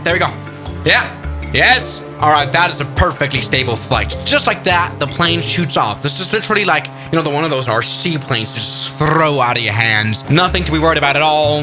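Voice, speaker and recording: Animated man commentating over prominent music. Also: medium pitch. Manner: animated, sarcastic, exclaims and mutters while playing. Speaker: host of a flight simulator gaming channel. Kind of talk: excited gameplay commentary.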